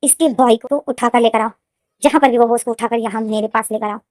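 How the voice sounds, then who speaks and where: A possessive young man with bodyguards, calm and commanding, voiced by a woman telling a fan story. He talks fast, in a mellow, slightly high voice. The sound is close and dry, with no room around it. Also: dry recording, natural voice.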